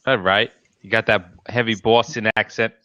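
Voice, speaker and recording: A man's voice: on the low side, fairly even intonation, moderate pace, sharp tone, no room sound, lo-fi sound. A man co-hosting a podcast, talking casually through an incident as a responder.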